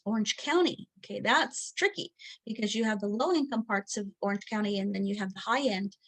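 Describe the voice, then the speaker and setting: A woman's voice: mid-range voice, a little fast, fairly bright tone. A middle-aged woman teaching a recorded training lesson, chatty and candid, with many fillers and quoted asides. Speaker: training instructor.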